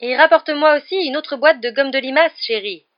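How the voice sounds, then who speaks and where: A woman voicing a middle-aged shopkeeper who calls out loudly, in a dull lo-fi recording. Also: high voice, brisk, voice pushed up, lightly acted. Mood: calling.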